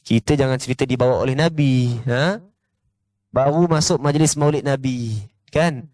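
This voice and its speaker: A man's voice: medium pitch, moderate pace, dry recording. A male religious teacher with a Malaysian Malay accent, giving an online lesson on a classical text, reading passages and explaining them with frequent rhetorical checks. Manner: lively, peppers talk with rhetorical "ha?" checks; reads passages then explains them conversationally.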